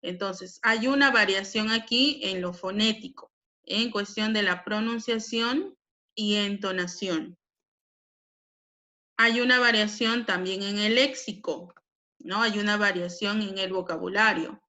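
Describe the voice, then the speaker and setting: A woman's voice: medium pitch, steady tone, measured pace, bright, forceful tone. A Peruvian woman teaching a language lesson, explaining patiently with frequent tag questions. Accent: Peruvian Spanish. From Peru.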